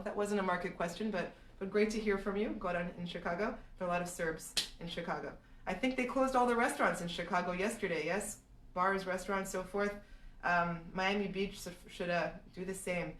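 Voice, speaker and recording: A woman's voice: on the low side, steady tone, a little fast, recorded from a distance, a little hiss or hum. A woman from Serbia answering viewers' market questions in a live stream, thinking aloud with frequent restarts. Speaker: real estate analyst answering viewer questions. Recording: echoey room, voice a bit off-mic.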